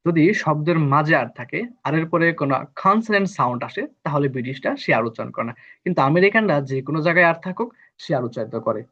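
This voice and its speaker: A man's voice: on the high side, animated, brisk, a bit bright, highs cut off. A man teaching English grammar basics in a patient, repetitive way, from Bangladesh. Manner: patient, repeats terms to drill students. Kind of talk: explaining a live online lesson.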